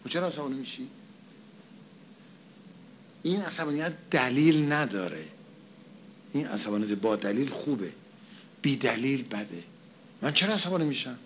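A man's voice: medium pitch, expressive, pauses often, slight background noise. A man preaching a conversational sermon, asking and answering his own questions and repeating phrases for emphasis.

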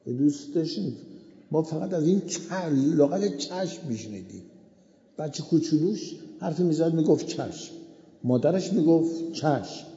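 Guy preaching, dark mellow voice, big echoey hall, kinda lo-fi. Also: on the high side, expressive. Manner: slow, repetitive moral teaching. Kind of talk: sermon. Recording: echoey hall, dull lo-fi sound.

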